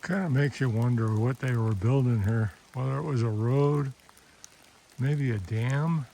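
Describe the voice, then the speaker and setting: Easygoing man, mellow voice, filming himself outdoors on a trail with a handheld camera. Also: medium pitch, unhurried, gravelly, a little hiss or hum, low-quality recording. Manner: easygoing, plainspoken, frequent ums. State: out of breath. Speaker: hiking vlogger. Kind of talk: casual vlog narration on the trail.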